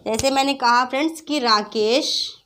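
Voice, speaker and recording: A woman's voice: sits high, fairly bright tone. A woman teaching a grammar lesson, patiently asking her students questions and repeating the answers herself. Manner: repeats questions to students, addresses them as friends; patient, explains slowly with examples. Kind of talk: online class lesson.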